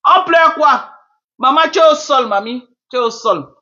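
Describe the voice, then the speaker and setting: Woman mocking folks on a fb live, bright sharp voice, muffled lo-fi sound. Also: sits high, lively intonation, normal speed. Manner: taunting, repetitive, scolding. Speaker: Facebook live host. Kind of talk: mocking live-stream commentary.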